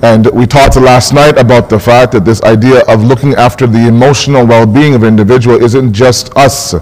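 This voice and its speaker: A man's voice: medium pitch, steady tone, a little fast, darkish tone. A man who grew up in Canada giving a conversational religious lecture to a congregation in a mosque hall, often repeating words as he searches for phrasing.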